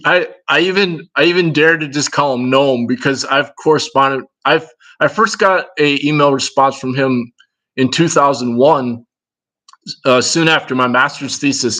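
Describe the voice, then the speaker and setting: A man's voice: mid-range voice, fairly even intonation, a little slow, pushed and bright, low-quality recording. A man in his fifties with a Minnesota accent, chatting casually with his livestream viewers in a rambling, digressive way. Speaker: livestream host.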